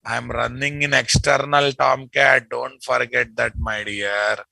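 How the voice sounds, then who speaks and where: A male coding instructor with a Telugu Indian accent speaks to his students at a measured, slow pace. His voice is sharp and forward with a creaky edge. He restates instructions and keeps tagging questions onto the ends of his sentences. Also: medium pitch, fairly even intonation, no room sound. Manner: repeats phrases, ends with checking tag questions. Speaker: programming instructor. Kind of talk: live coding lesson, addressing students.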